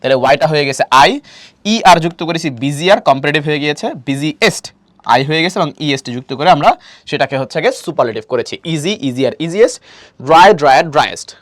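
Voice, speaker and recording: A man's voice: a little high, expressive, fast, dry recording. A male teacher gives an admission-prep lecture, explaining step by step, asking and answering his own questions and leaning on repeated filler phrases. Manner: leans on stock fillers and repetition.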